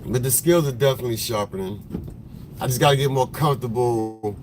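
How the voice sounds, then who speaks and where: A photographer hosts a livestream from his car in traffic, talking into his phone with a mid-range smoker's voice at a fairly quick pace. He's laid-back, rambling and slangy, greeting viewers by name, while faint vehicle noise hums behind him.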